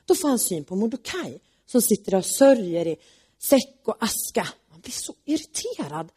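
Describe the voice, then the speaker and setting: A woman casually retelling a Bible story, chatty and lively. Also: medium pitch, husky.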